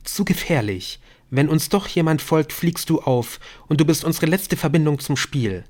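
Audiobook: male narrator voicing a sharp teen girl, deadpan, raised pitch. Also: moderate pace. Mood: determined. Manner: dry, deadpan teasing. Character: quick-witted teenage girl, dry humor.

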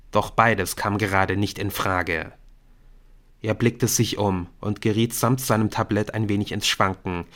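A man reading a novel aloud in steady, scripted narration. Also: on the low side. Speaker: audiobook narrator.

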